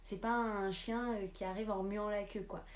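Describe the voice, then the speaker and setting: A woman's voice: mid-range voice, fairly even intonation, moderate pace. A young woman making a casual vlog tutorial, chatting with lots of hesitant fillers. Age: young adult. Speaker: pet vlogger.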